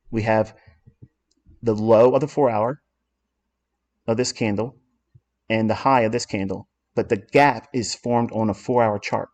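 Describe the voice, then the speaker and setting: A man's voice: medium pitch, a little mellow. A man walking through trading charts in a lesson, blunt and self-assured as he explains what he authored. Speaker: trading educator.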